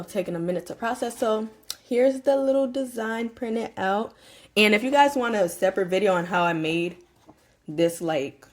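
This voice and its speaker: A young woman with a slightly low voice talks viewers through a home craft project. She sounds casual and chatty and leans on fillers and friendly asides to her viewers. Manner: chatty, filler-heavy, addresses viewers as y'all and you guys. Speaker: small business owner. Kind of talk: casual tutorial vlog. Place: home room.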